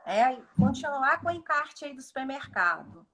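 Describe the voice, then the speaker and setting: A woman's voice: sits high, very animated, moderate pace, a bit bright. A woman speech therapist explaining cognitive activities in a live video call, often acting out short dialogues with patients.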